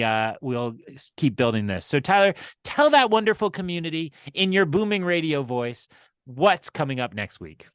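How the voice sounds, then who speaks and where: A man's voice: mid-range voice, fairly bright tone, clean tone, dry recording. Dry, earnest rambling male podcast host. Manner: rambling, self-correcting, earnest. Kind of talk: casual podcast chat.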